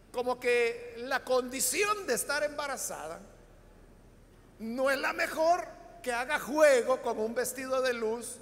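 A Salvadoran pastor with a strikingly high, bright voice teaches from the Bible, stopping often to ask his listeners rhetorical questions. His words ring out with a long reverb, as if he is preaching in a large church hall. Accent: Salvadoran Spanish. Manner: explanatory, addresses the congregation with rhetorical questions. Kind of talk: Bible study sermon.

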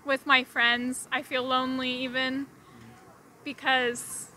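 A young woman answering a street interview with soft, hesitant replies. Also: high-pitched, flat delivery, takes it slowly, a little hiss or hum. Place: outdoor city street. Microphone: handheld mic.

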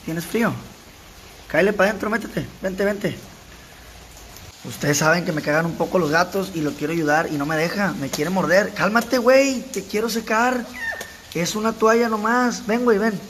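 At his house while it rains, a young Sinaloan Mexican man chats in a casual vlog, sore-throated, addressing stray cats crudely yet kindly. He speaks high-pitched and a bit bright at normal speed, with slight background noise, in Sinaloan Mexican Spanish.

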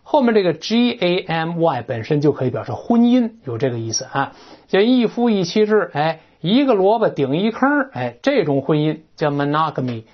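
An English teacher giving a chatty, animated vocabulary lecture, often imitating sounds and checking in with "right?". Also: mid-range voice, normal speed. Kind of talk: classroom-style lecture on vocabulary. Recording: dull lo-fi recording.

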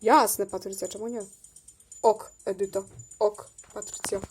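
A woman voicing a whole cast of toy figures in a bickering role-play, jumping between shrill shouting and soft low voices. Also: fairly even intonation, unhurried, soft background music. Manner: switches between shrill squabbling voices and low quiet ones. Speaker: toy video creator voicing all figures.

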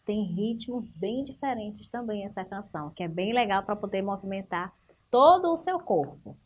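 A woman's voice: mid-range voice, animated, normal speed, breathy edge, narrow, tinny audio. A woman with a Brazilian Portuguese accent, teaching a remote school lesson, explaining step by step, asking the class questions and praising answers.

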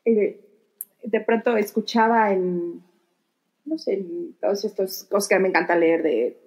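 A woman host talks in a mid-range voice, thoughtful and searching, with soft fillers between her ideas. The exchange is a relaxed, casual podcast conversation. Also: mid-range voice, unhurried, dull audio.

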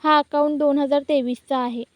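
Lady reading out a jittery bank manager guy, begging, high voice, dry sound. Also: steady tone, brisk, no echo, lightly acted. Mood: explaining. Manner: retold in the narrator's own voice. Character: panicky male bank manager, pleading.

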